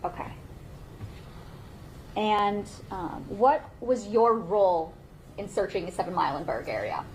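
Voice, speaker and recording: A woman's voice: medium pitch, animated, a little hiss or hum, poor audio. Woman attorney in a courtroom recording. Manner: measured, formal questions with frequent "okay". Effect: played from a courtroom recording. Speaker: attorney questioning a witness. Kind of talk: courtroom questioning.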